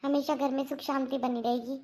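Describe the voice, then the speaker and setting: An earnest young married daughter in a family cartoon, voiced by a woman, lecturing her mother patiently and firmly. Her voice sits high and bright. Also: flat delivery, a little fast, natural voice. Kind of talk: Hindi cartoon dubbing.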